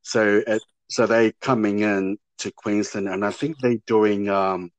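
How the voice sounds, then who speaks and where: A man, an actor answering interview questions in a halting way that often repeats words. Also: on the low side, fairly even intonation, no echo. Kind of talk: casual interview chat.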